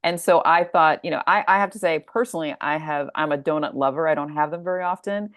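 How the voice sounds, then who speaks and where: Her voice sits low and moves at a quick pace as this middle-aged American author, a casual interview guest, thinks aloud about her story collection in a thoughtful, wandering way. The recording is studio quality with no room sound.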